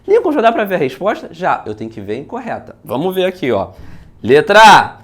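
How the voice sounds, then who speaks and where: Lively Brazilian man teaching physics. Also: high voice, a little fast. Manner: lively, chatty, keeps asking "beleza?" and "né?". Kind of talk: video lesson solving exam questions.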